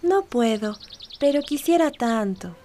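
A woman's voice: fairly high pitch, lively intonation, a little slow, dark tone, slight background noise. A woman playing a sweet, obedient young cartoon princess in a children's audio story. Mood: longing.

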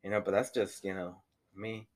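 A young man with a slight accent co-hosts a casual couple's podcast, rambling along with plenty of "like" and "you know" and the occasional swear word. His voice sits low, with flat delivery at a normal speed.

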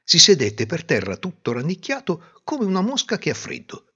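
A man's voice: sits high, normal speed, breathy edge. Guy narrating an old folk tale, voice jumps around a lot, echoey dull recording. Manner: expressive storytelling. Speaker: storyteller. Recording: roomy reverb, dull lo-fi sound.

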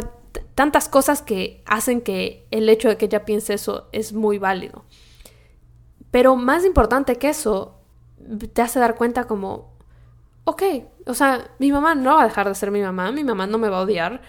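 Young woman, health coach, casual vlog, reflective, chatty. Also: mid-range voice. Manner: chatty and reflective, with many fillers and self-quoted inner voices.

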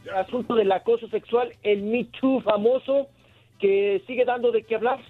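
A man's voice: extremely high pitch, fairly even intonation, moderate pace, faint music behind. A man calling in by phone, giving a playful, chatty showbiz news report on a talk show. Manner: chatty, playful, tongue-in-cheek. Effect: heard over a phone line. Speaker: entertainment reporter. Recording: tinny phone line.

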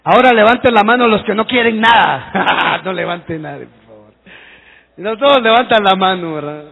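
High raspy preacher shouting in a hall. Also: male voice, lively intonation, normal speed. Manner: fervent preaching, rising to shouts, addresses congregation directly. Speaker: pastor. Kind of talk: sermon. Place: church hall. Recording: dull lo-fi recording in echoing hall.

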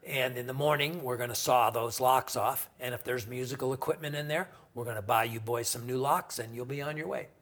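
A man voicing a gruff county lawman with a Southern accent, who speaks slowly, low and quietly. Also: lightly acted. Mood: stern.

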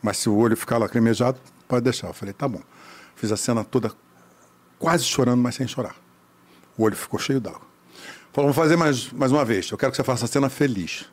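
A man telling a lively anecdote about his acting career, acting out the other people's voices. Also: medium pitch, quick pace. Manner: animated storyteller, acts out voices. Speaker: actor telling a story. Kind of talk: casual anecdote.

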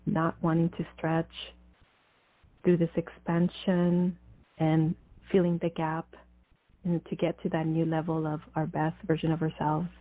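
Woman, mellow tone, soothing mystical healer, guided meditation coaching, deliberate pauses, dry and slightly muffled recording. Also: deep voice, dry recording. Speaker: podcast host and spiritual coach. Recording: slightly dull, muffled lo-fi audio.

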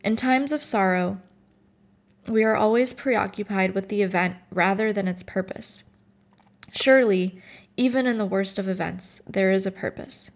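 Woman, twenties, from Morocco, tearful, tired, halting with restarts, personal reflection read aloud. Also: mid-range voice. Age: 20s. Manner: halting and emotional, with frequent restarts. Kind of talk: personal reflection, reading her own writing aloud.

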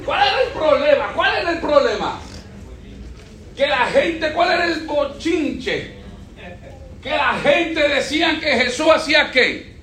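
Man, sermon, very high pitch, call-and-response questions, repeats himself, echoey sanctuary. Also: expressive, measured pace, sharp tone. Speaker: pastor. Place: church sanctuary. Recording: echoey church room.

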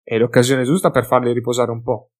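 A man's voice: mid-range voice, level tone, fairly quick, a little mellow, close to an everyday voice. A man reading an audiobook, voicing a wry young male adventurer who talks persuasively and with mild exasperation.

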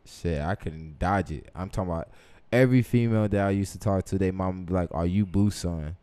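A man in his thirties trades crude jokes and stories in a casual podcast chat, sitting close to the mic. His voice sits very low, with a dark, mellow tone. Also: fairly quick, clear, resonant tone, no echo. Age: 30s. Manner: crude, joking storyteller. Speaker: podcast co-host.

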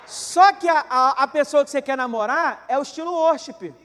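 A man with a Brazilian Portuguese accent, a pastor giving a joking, animated sermon full of questions to the congregation. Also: extremely high pitch, normal speed, in a large hall, slight background noise.

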